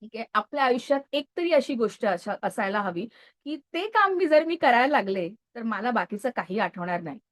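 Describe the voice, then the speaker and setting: Woman, motivational talk to a live audience, chatty and lively, fairly high voice. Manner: lively, chatty, frequent check-ins with the audience. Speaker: motivational speaker.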